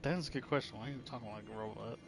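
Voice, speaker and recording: A man's voice: mid-range voice, very fast. Young man musing over gameplay, noisy backdrop. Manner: relaxed, musing, thinking aloud. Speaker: gameplay streamer. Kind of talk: casual gameplay commentary.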